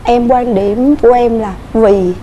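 A woman with a Southern Vietnamese accent, a guest on a TV couples show, telling her family story quickly and earnestly in a studio. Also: a little high, steady tone, warm tone, muffled recording, slight background noise. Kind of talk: emotional personal storytelling.

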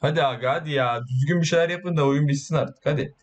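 Excitable man commentating his own gameplay. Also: on the high side, quick pace. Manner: excitable, swearing, boastful banter with teammates. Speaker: gaming YouTuber.

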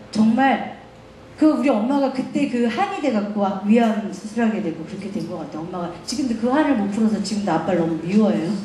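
In an echoey lecture hall, a middle-aged woman with a fairly high voice gives a guest lecture, spinning family stories with animated energy and frequent laughter. A faint hiss or hum sits under the recording.

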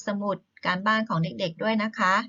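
A woman primary school teacher explaining gently to young children, with polite soft sentence endings. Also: medium pitch, fairly even intonation, a little fast. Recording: slightly dull lo-fi recording.

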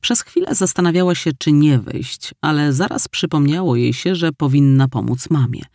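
A man's voice: a little high, expressive, normal speed, vocal fry, darkish tone, dry recording, clean studio sound. Man narrating an audiobook. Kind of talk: scripted narration.

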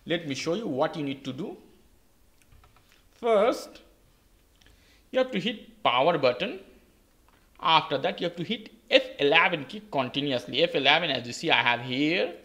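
Sitting indoors at a desk with a laptop, a man narrates a step-by-step tech tutorial in simple, repetitive, non-native English. His fairly high voice is sharp and expressive, moving at a moderate pace with frequent pauses.

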